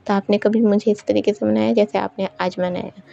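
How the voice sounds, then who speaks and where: A sulky, hurt young sister, pleading and reproachful, as a woman narrator reads her. The voice is gravelly and dark. A dull recording carries faint music behind it. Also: medium pitch, steady tone, brisk.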